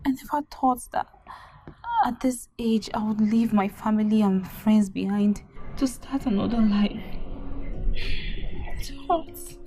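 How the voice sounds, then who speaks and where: An actress playing a young bride-to-be, soft and wistful. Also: female voice, medium pitch, a little slow, pauses often, slight background noise, lightly acted, poor audio. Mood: sad. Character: young bride-to-be, anxious and tearful. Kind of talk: film acting.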